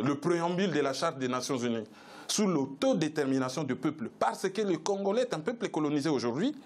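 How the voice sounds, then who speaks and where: This is political debate commentary from a male panel guest whose voice sits on the high side with a darkish tone. His arguing is emphatic and rhetorical, and he keeps repeating himself to drive each point home.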